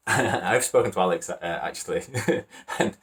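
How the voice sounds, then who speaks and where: A man's voice: low-pitched, slow, fairly bright tone. A man with a Wakefield accent, rambling casually and chuckling as he hosts a reaction video. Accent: Wakefield, Yorkshire. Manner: rambling and chatty, chuckles often.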